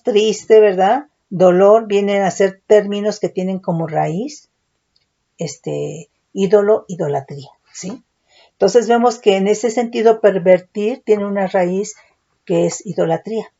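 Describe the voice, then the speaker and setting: A woman's voice: on the low side, mellow. A woman preacher teaching from the Bible, reading verses and word meanings aloud and checking in with her listeners. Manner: slow, deliberate, checks in with "¿sí?"; reads scripture and word lists aloud. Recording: dull lo-fi recording.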